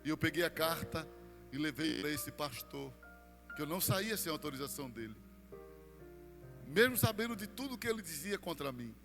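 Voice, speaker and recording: A man's voice: a little high, expressive, normal speed, pauses often, big-room sound, faint music behind. A Brazilian man preaching as a pastor, telling his testimony with drama and voicing the people in the story. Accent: Brazilian Portuguese. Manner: dramatic storytelling, voicing other people, rising to loud climaxes. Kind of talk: sermon testimony.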